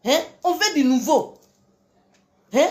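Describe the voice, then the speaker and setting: A woman's voice: high-pitched, animated, slow, darkish tone. A woman, delivering an impassioned, scolding religious tirade full of repetition and rhetorical questions. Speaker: self-styled preacher.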